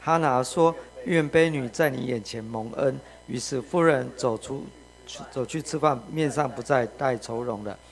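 A man from the congregation reading a scripture passage aloud in a steady, even way. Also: medium pitch, moderate pace, vocal fry. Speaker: congregation member.

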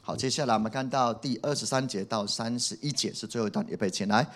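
Husky man preaching with rhetorical questions. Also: mid-range voice, fast talker. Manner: emphatic, with frequent rhetorical questions. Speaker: pastor. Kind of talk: sermon.

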